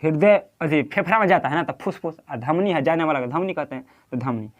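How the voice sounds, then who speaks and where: Speaking fairly quickly in a slightly high voice, a Bihari-accented teacher keeps firing questions at the class. He repeats important terms as he works at the board.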